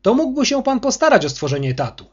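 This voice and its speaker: A man's voice: on the high side, very animated, normal speed, breathy edge, dull audio, voice pushed up. A man voicing a bullying, arrogant male school superintendent who scolds harshly. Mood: angry.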